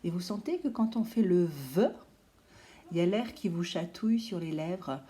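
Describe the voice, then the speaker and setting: A woman teacher giving a lesson to young children, slowly drawing out and exaggerating each letter sound. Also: on the low side, mellow.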